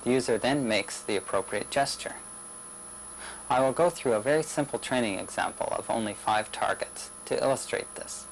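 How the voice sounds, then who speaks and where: A young man narrating a demonstration video in a measured, plain explanatory way. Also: mid-range voice, vocal fry, a little hiss or hum, poor audio. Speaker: researcher demonstrating a system. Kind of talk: scripted narration of a demo video.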